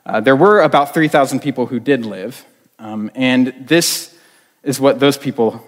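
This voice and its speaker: A man's voice: medium pitch, a little slow. A man preaching a sermon as a youth pastor, talking conversationally with many fillers and restarts. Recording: long reverb of a large hall.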